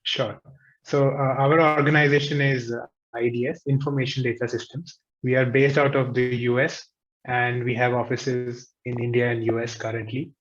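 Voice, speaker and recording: A man's voice: medium pitch, flat delivery, normal speed, lo-fi sound. A man hosting a talk series over a video call, speaking evenly and in a businesslike way.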